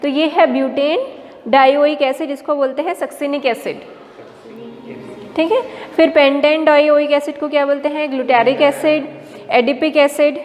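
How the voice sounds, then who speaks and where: A woman teaching a chemistry lecture, explaining step by step and asking questions she then answers herself. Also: high-pitched. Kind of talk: classroom lecture. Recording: long reverb, faint background noise.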